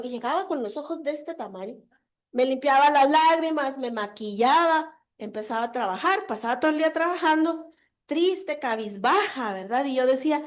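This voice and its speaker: Woman, Guatemalan accent, high voice, lively storytelling talk, confiding. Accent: Guatemalan Spanish. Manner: animated, confiding, audience tag questions. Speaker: conference speaker. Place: conference hall.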